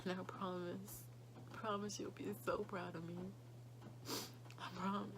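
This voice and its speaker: A young woman talking in a halting, quiet way, tearful and grieving, often repeating herself. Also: on the low side, flat delivery, noisy background. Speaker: vlogger. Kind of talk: emotional personal vlog.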